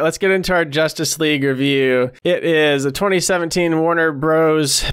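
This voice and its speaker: A man's voice: fairly high pitch, a bit bright, clear, resonant tone. An American man hosting a panel discussion podcast. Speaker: podcast host.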